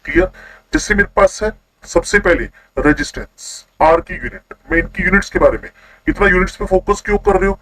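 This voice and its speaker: A man teaching a chemistry class online, constantly quizzing his students with quick questions. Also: high voice, lively intonation, fairly bright tone, low-quality recording.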